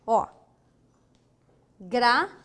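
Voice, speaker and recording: A woman's voice: on the high side, animated, extremely slow, bright, forceful tone. A woman teaching grammar with a Brazilian Portuguese accent, counting syllables aloud and checking in with her students as she goes. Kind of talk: recorded online grammar lesson at a board. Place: lesson studio with a whiteboard.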